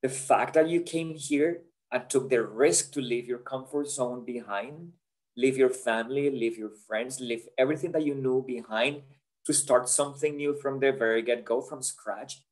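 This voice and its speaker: A man presents a career webinar over a video call. His pitch sits at an ordinary middle height as he talks in an earnest, chatty way and checks in with the audience through little tag questions. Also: moderate pace. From Colombia.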